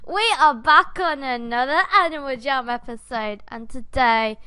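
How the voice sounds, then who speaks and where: A woman's voice: sits high, unhurried, sharp tone, smooth, no echo. A young woman hosting a casual game video, playful and giggly, bossing her friend around. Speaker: channel host. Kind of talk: casual gaming chat.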